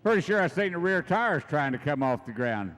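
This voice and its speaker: A man's voice: fairly high pitch, very animated, brisk, fairly bright tone, slight background noise. A middle-aged American man giving live event commentary as a tractor pull announcer in a folksy, emphatic way, repeating himself for effect.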